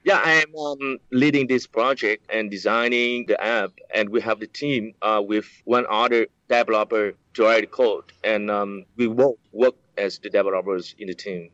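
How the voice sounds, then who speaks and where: An English-speaking app developer, interviewed casually, explains things hesitantly with plenty of uh and um, fillers and restarts. His voice is on the low side and fairly bright, with fairly even intonation, normal speed and few pauses. The dry audio is a bit muffled, dull and lo-fi.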